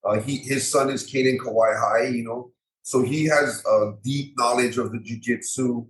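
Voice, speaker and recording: A man's voice: mid-range voice, fairly even intonation, moderate pace, a little hiss or hum. A man with a local Hawaiian accent chatting casually as an interview guest, repeating phrases and using colloquial grammar. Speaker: MMA fighter and gym owner, podcast guest. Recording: echoey roomy sound.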